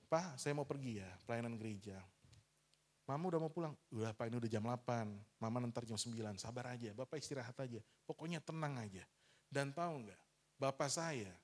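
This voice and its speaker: Man, pastor, candid storytelling sermon, acts out dialogue, fairly high voice. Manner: candid storytelling, acting out dialogue with his father; addresses the congregation as "saudara".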